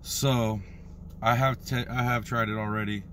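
An American man in his thirties giving a casual vlog review with slang and drawn-out, hyped catchphrases. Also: medium pitch, fairly even intonation, a bit bright. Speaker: product reviewer. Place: inside a parked car. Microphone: phone at arm's length. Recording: noticeable background noise inside a car.

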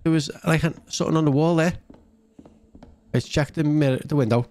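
A man's voice: a little high, a little fast, a little mellow. A man around his thirties or forties giving casual, chatty let's-play commentary, thinking aloud close to a desk mic. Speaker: gaming channel host. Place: indoors at a gaming setup. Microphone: desk microphone, close.

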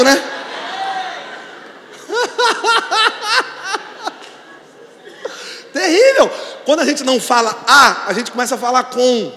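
Brazilian male pastor, bright forceful tone, sermon in a big reverberant church, shouts declarations. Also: extremely high pitch. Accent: Brazilian Portuguese. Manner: preaching with call-and-response, building to shouted declarations. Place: large church.

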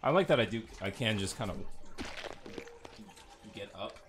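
A gamer recording a playthrough talks at a normal speed in an animated way, offering casual, rambling commentary and joking asides to viewers. His home recording is noisy, uneven and low in level.

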